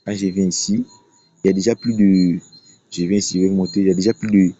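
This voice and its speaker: Talking fast in a low, steady, mellow voice with a breathy edge, a man delivers an unscripted screen-share tutorial promoting a trading platform on YouTube. He explains emphatically, often echoing his own phrases, and the recording sounds dull and lo-fi.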